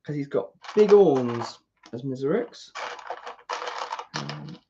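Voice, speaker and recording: A woman's voice: extremely low pitch, huge pitch swings, takes it slowly, noisy background. A British woman chatting casually to herself in a self-deprecating ramble as she builds a model kit. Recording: dull lo-fi recording.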